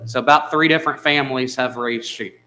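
Bright-voiced man preaching a sermon. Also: mid-range voice, steady tone, fairly quick, a little hiss or hum, low-quality recording. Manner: conversational, asks the congregation questions. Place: church sanctuary.

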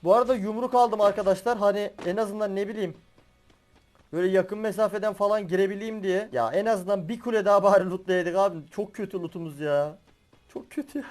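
A young man giving excitable commentary while he plays a battle royale game as a gaming YouTuber, swearing and laughing as he goes. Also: sits high, fast talker. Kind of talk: live gameplay commentary.

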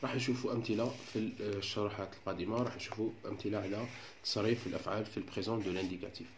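A man with a fairly low voice and an Algerian Arabic accent explains a French grammar lesson. He goes step by step at a patient pace and keeps checking that his pupils follow. Faint room ambience sits behind him. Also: steady tone, very fast, background noise. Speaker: teacher.

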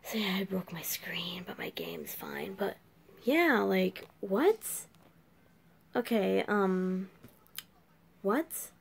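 An eighteen-year-old woman with a scratchy, sore throat hosts a reaction video late at night from a small room, talking casually into a desk webcam. Her medium-pitched voice is gravelly and slightly rough, with lively intonation, a slow pace, and frequent pauses, and she sounds puzzled, exclaiming questions.

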